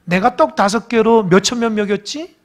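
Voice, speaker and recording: A man's voice: high voice, normal speed, close to an everyday voice. A man voicing an exasperated teacher who scolds his followers with impatient questions. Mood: scolding.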